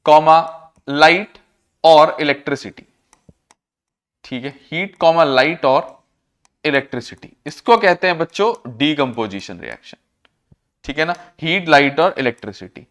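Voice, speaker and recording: A man teaching a class, repeating key terms, slowing down to dictate definitions and quizzing students on what was just said. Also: on the high side, expressive, fairly bright tone. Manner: slows to a dictation pace for English definitions; addresses students as children. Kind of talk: classroom lecture.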